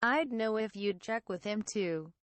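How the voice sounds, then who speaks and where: A woman voicing a frightened young man recounting eerie phone calls in a halting, uneasy way. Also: medium pitch, a bit bright, no room sound, close to an everyday voice.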